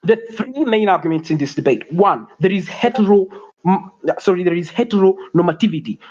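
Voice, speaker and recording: A teenage student debater from Uganda delivering a competitive debate speech, often stumbling, repeating words and correcting himself. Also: male voice, high-pitched, expressive, a little fast, a little mellow, highs cut off. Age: teens.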